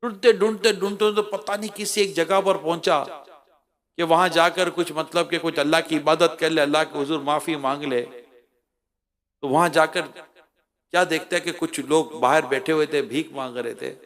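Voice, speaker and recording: A man delivering an emotional sermon, telling a story with dramatic swings between loud cries and hushed lament, repeating words for emphasis. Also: on the high side, steady tone, moderate pace. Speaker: preacher.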